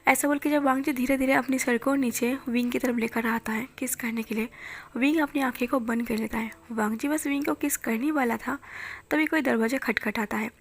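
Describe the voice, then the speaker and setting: A woman narrating a fan fiction story in a soft, hushed reading voice, with faint music behind. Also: fairly high pitch, fairly even intonation, a little fast.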